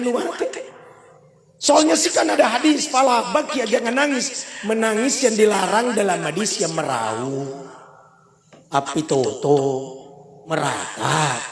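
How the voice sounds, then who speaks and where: A man with a Bugis accent giving a humorous sermon, joking and acting out voices. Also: a little high. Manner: animated, jokes and acts out voices. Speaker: preacher. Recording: echoey hall with a crowd.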